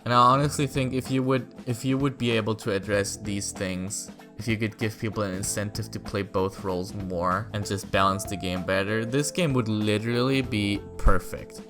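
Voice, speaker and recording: Male gaming vlogger, low register, freshly woken morning voice, frank off-the-cuff rant delivery over prominent guitar music. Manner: just-woke-up morning voice; blunt, mildly swearing. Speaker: gaming video creator. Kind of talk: casual opinionated gaming rant.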